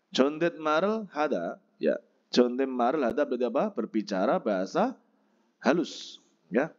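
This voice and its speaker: Man teaching Korean pronunciation, slow repeats. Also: mid-range voice, lo-fi sound. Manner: repeats Korean words slowly for practice. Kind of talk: textbook lesson explaining pronunciation.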